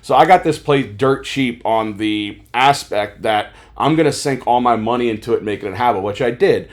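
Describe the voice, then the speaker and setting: A man of middle pitch recounts his story on a podcast in a loose, rambling way. He fills his talk with fillers and slips into livelier voices when he quotes people. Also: brisk. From Maryland, USA. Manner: rambling, animated retelling with filler words. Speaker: podcast guest, toy store owner. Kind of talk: casual storytelling interview.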